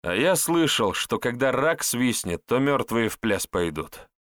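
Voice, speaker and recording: A man's voice: on the low side, animated, moderate pace, a bit bright, dry recording, studio quality. Man doing a sardonic, scornful hero. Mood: mocking. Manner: mocking, scornful, plain-spoken. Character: sardonic, blunt young male hero with a sharp tongue.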